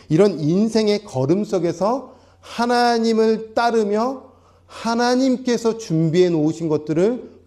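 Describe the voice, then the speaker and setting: Lively, mellow-voiced male pastor preaching. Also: fairly high pitch. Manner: explains word meanings step by step, asks the congregation questions. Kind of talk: sermon. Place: small church.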